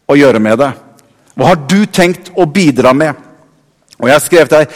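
A man preaching a fervent sermon as a pastor in a church, building from quiet reflection to loud calls. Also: a little high. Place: church hall. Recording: long reverb of a church hall.

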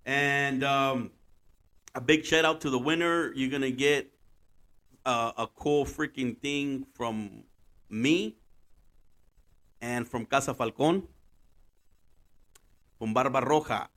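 A man's voice: mid-range voice, slow pace, pauses often, fairly bright tone. Casual male podcast host, loose and repetitive. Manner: loose, repeats phrases for emphasis. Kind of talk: casual solo podcast chat, bilingual slang and swearing.

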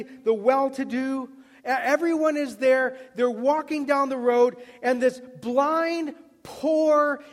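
A man preaching a sermon as a pastor, emphatic and repetitive, swinging between loud cries and soft, hushed lines. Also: extremely high pitch. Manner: emphatic, repeats words, builds to loud cries then drops soft. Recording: long reverb of a hall.

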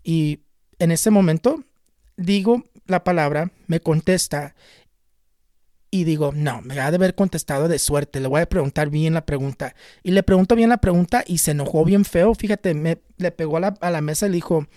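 A man telling a personal story in a casual, halting way, often repeating and restarting words. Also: on the high side, mellow, no echo, clean studio sound. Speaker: channel host recounting a spiritual experience.

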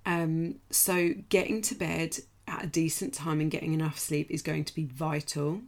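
Croaky and clearing her throat, a middle-aged woman from the UK with a British accent coaches a group challenge through their morning routine. She speaks at a moderate pace in a low-pitched, level tone. In this casual live session she stays direct and encouraging, checking in with "okay?".

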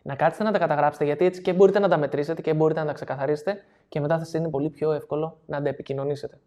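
A man's voice: fairly high pitch, fairly even intonation, warm tone. A man coaching an audience in a seminar talk, explaining step by step, repeating key phrases and checking that listeners follow. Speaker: NLP coach.

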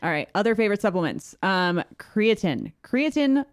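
A woman's voice: mid-range voice, big pitch swings, normal speed, dry recording, clean studio sound. A young woman co-hosting a fitness podcast, laid-back and self-mocking in casual chat. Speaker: podcast co-host, fitness coach.

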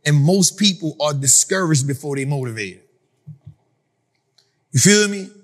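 A man hosting a finance talk for a live audience, in a casual, animated storytelling style that acts out other people. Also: a little high, measured pace, long reverb tail. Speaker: finance speaker and host. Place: event venue with an audience.

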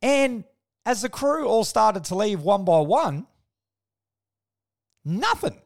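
A man's voice: high voice, sing-song, slow, vocal fry. A man with an Australian accent hosting a podcast in slangy, sweary, blokey tradesman style, telling stories casually and comically. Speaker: podcast host. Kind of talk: casual comic monologue and storytelling.

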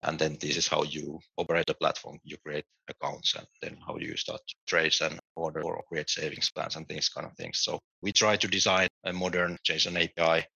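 A middle-aged Finnish tech executive answers questions as a podcast guest, explaining steadily with small restarts and few pauses at a fairly quick pace. His voice is extremely low, gravelly and flat but carries a sharp, bright edge. The dry, slightly dull recording sounds like lo-fi remote audio.

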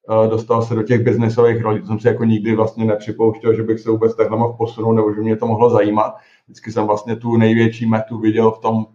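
A man's voice: on the low side, darkish tone. A man in his forties, a tech executive, talking casually in an interview and hesitating often with fillers and restarts. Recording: dull, roomy recording.

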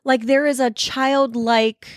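A woman co-hosting a casual movie podcast, rambling and halting, stammering as she thinks aloud. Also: sits high, level tone, no room sound, studio quality. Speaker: podcast co-host.

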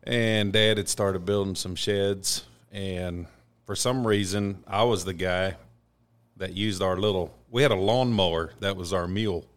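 A man from northern Missouri, a shed hauler and podcast guest, telling stories in a relaxed, self-deprecating way from a hotel room. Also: low voice, measured pace. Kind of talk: casual storytelling.

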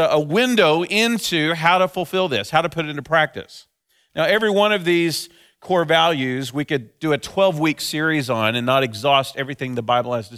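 A man's voice: fairly high pitch, clear, resonant tone. Preaching man at a pulpit microphone. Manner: earnest, steady preaching with repeated phrases. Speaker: pastor. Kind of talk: sermon.

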